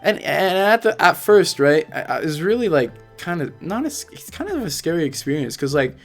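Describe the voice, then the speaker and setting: A young man spins a personal story in a loose, slangy way, laughing now and then. His voice sits a touch higher than most men's. Faint music plays underneath. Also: a little fast. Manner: animated, slangy, laughs often. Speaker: vlogger. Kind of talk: casual storytelling.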